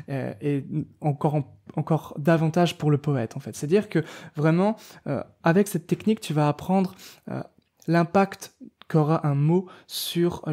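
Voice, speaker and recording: A man's voice: fairly high pitch, warm tone. A man giving a casual spoken lesson on writing poetry, talking straight to the viewer with many fillers and restarts. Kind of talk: casual spoken tutorial to camera.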